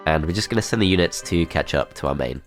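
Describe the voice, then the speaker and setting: Extremely low in pitch, this commentator's voice is nasal and congested because a cold has blocked his nose. He calmly and methodically thinks aloud through his strategy game let's play moves at a quick pace. There is faint music behind him.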